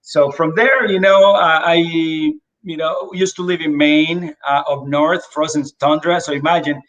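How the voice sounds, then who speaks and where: Speaking over video call with dull audio, a man from the Dominican Republic who works in real estate recounts his story as an interview guest. He uses many fillers and animated delivery, his slightly high, somewhat bright voice moving at a measured pace with fairly even intonation.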